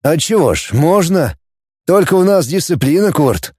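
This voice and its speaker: A man reading an audiobook, voicing a calm, assured male commander. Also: fairly high pitch, moderate pace, breathy edge, no echo, studio quality, pitched above the performer's own voice.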